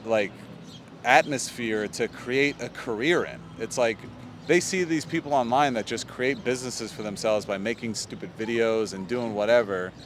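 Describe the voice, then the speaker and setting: An opinionated man in his thirties talks through his views in a casual street interview. His voice sits at a middling pitch. He is animated and throws in quick asides, with faint city traffic behind him. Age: 30s. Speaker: podcast guest.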